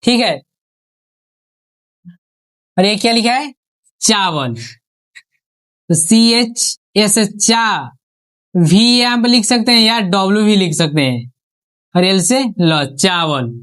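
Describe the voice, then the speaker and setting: A woman teacher giving an online spelling lesson. She asks questions and answers them herself, stretches out each syllable and drops her pitch on each finished word. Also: lively intonation, slow pace, pauses often, fairly bright tone.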